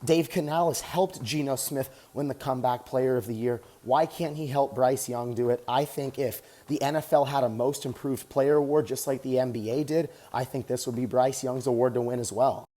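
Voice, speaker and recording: A man's voice: medium pitch, fairly even intonation, moderate pace, hardly any pauses, warm tone. An American man giving enthusiastic, casual sports commentary as a vlog host while working out on a treadmill. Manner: talking while exercising on a treadmill.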